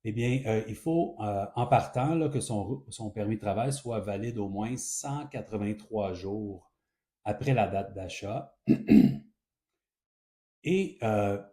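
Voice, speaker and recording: A man with a Quebec French accent calmly explaining rules step by step, as an advisor talking to viewers. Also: on the low side. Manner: calm, methodical explaining. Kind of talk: explanatory talk to camera.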